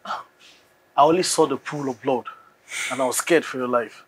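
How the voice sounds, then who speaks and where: Polite shopkeeper. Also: male voice, mid-range voice, measured pace, breathy edge. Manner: deferential and friendly.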